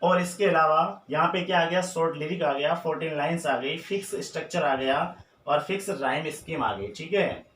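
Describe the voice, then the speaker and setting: A man's voice: fairly high pitch, normal speed, fairly bright tone. A man teaching an exam-prep lesson, who keeps repeating key terms and asking rhetorical questions. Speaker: English teacher. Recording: echoey room with faint noise.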